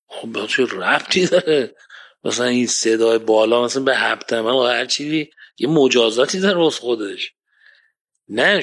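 A man giving a religious lecture, quoting Arabic verses, who rises to emphatic points and then drops his voice low. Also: a bit bright. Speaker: preacher.

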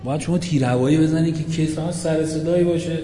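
A man preaching a sermon in a high, lively voice that jumps from loud to hushed. His tone is dark and mellow. He is heard in a roomy hall with a long echo. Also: a little hiss or hum. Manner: animated, swings from loud to hushed, acts out quoted voices. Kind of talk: religious sermon. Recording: echoey hall with faint ambience.

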